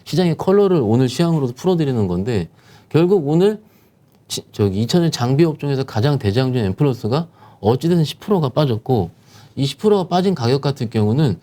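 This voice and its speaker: A man's voice: medium pitch, big pitch swings, quick pace, mellow. A man, a securities firm manager, explaining stock market conditions as a guest, emphatic and posing rhetorical questions.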